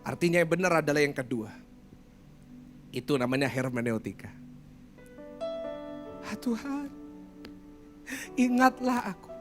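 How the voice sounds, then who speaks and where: A middle-aged man preaching a livestreamed sermon with a high, bright, forceful voice. He is animated and switches tones to act things out. Soft music plays behind him. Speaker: pastor.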